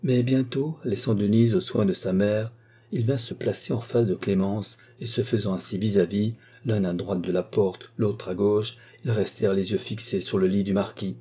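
A male audiobook reader narrates a classic novel in a measured, even way. His voice is low and dark, with a husky edge.

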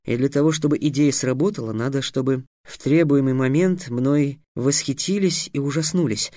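A man's voice: medium pitch, moderate pace, warm tone, dry recording, clean studio sound, natural voice. A man playing a curt, stern teenage squire. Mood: quiet thoughtful. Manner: curt, lecturing. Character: teen boy squire, stern and clever.

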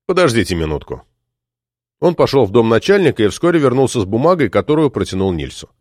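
A man narrating an audiobook in an expressive storytelling manner. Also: medium pitch, fast talker, no room sound, clean studio sound. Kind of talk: scripted narration.

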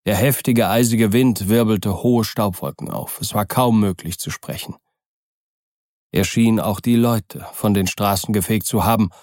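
Male narrator, low voice, even delivery, dry and close. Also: no room sound. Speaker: audiobook narrator. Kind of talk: scripted narration.

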